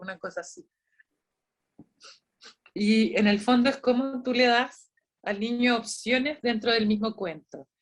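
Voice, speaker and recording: A fairly high-voiced woman leads a training session for volunteer storytellers. She explains in a loose, chatty way, trailing off, restarting her sentences and acting out bits of dialogue. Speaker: librarian and trainer.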